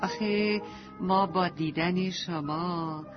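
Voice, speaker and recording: A woman storyteller narrating a children's story in an animated, affectionate way for young listeners. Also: lowish voice. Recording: dull lo-fi with faint music.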